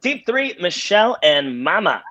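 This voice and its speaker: Upbeat male game host, higher-pitched voice. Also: sing-song, moderate pace, sharp tone, dull audio. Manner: upbeat, showy cruise-director announcing. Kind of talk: live online trivia game hosting.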